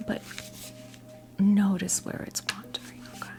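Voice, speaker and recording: Soft music plays behind a breathy whisper from a New Jersey woman in her fifties, an ASMR creator acting out a tarot reading as a witch. She speaks soothingly and conversationally, pausing and halting as she goes.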